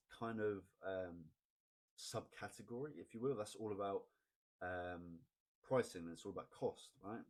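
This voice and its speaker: A man explaining ad data in a casual, chatty screen-recorded tutorial, often asking "right?" and pausing on "um". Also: fairly low pitch, darkish tone. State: has the hiccups. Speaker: online marketing tutor.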